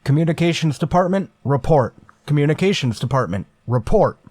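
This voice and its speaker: A man's voice: on the high side, expressive, brisk, darkish tone. An actor playing a stern, wary male starship captain in a sci-fi radio drama, with a clipped, commanding manner. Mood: urgent command. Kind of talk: golden age sci-fi radio drama acting.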